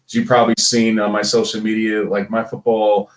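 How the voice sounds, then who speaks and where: A man's voice: lowish voice, level tone, brisk. A man in his fifties with a Brooklyn accent, chatting casually in a rambling, familiar way as an interview guest. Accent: Brooklyn New York. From Brooklyn, New York. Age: 50s. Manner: rambling, familiar, joking asides. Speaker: interview guest, sports figure. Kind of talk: casual interview chat, reminiscing. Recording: roomy, echoing sound.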